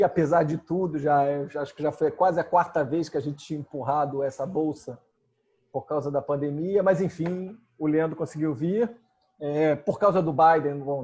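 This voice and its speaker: A man's voice: a little high, a little mellow, highs cut off. A man hosting an online seminar, introducing the guest in an informal, rambling way. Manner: informal, rambling, many fillers. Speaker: seminar host.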